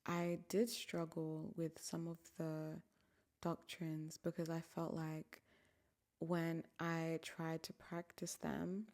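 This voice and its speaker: A young African woman hosts a solo podcast, speaking candidly and reflectively into a microphone in a low, slightly mellow voice. Her delivery is slow and completely flat, often sinking to a near whisper in this casual monologue.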